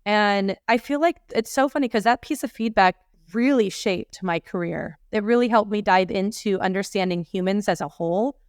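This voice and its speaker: Smooth-voiced woman leadership coach. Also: mid-range voice, moderate pace, few pauses, dry recording, studio quality. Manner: candid, reflective storytelling. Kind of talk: podcast interview.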